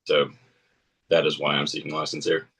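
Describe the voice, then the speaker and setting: Deep husky man from Tennessee. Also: monotone, moderate pace, fairly bright tone. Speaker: pharmacist applicant. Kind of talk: self-introduction on a video call. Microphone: video call.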